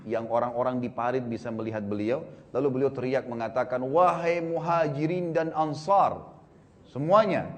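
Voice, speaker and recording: A man giving a storytelling sermon to a congregation, retelling the tale with lively energy and frequent tag fillers. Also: mid-range voice. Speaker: preacher.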